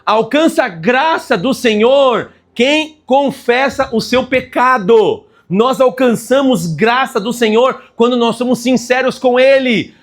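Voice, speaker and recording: A pastor preaching a Sunday sermon with emphatic, slow, stressed phrases. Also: male voice, very high voice.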